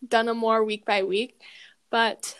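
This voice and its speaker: A young woman co-hosting a podcast in casual chat, relaxed and reflective, her voice going hoarse. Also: fairly high pitch, slow. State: losing her voice. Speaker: podcast co-host. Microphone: recording remotely.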